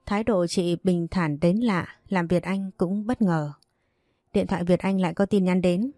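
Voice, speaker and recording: Low, mellow woman narrating a story. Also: fairly even intonation, normal speed, dry recording, clean studio sound.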